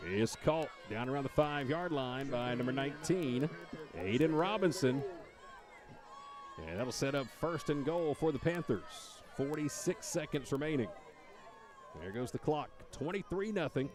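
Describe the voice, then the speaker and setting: A man calling high school football play-by-play, rising to shouts on big plays. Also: animated, normal speed, a crowd in the background. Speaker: play-by-play announcer.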